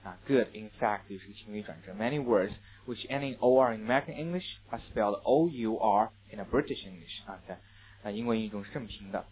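A man teaching an English class, lively and chatty, mixing in English phrases and anecdotes. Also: on the low side, fast. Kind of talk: classroom lecture. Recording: tinny, phone-like lecture recording.

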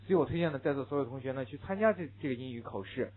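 Male English teacher lecturing a class, mid-pitched voice, drills words slowly; tinny lo-fi recording. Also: lively intonation. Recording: narrow phone-like lo-fi sound.

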